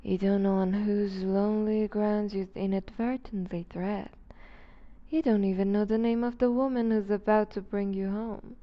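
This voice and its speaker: A woman playing a seductive, predatory vampire duchess in an intimate ASMR roleplay, refined, teasing and condescending, with a breathy voice that slips toward a whisper. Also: mid-range voice, steady tone, dull audio, natural voice. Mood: coy, condescending. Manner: refined, teasing, condescending, deliberate formal diction.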